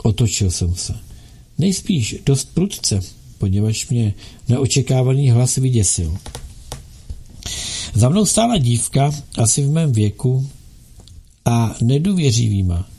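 A man reading a novel aloud as an audiobook narrator, in a steady, measured way. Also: medium pitch, slightly rough.

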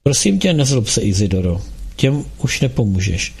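A man voicing a calm, kind and mysterious young man in an audiobook, speaking earnestly and persuasively. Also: medium pitch, vocal fry, breathy edge, full character voice. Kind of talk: audiobook dialogue.

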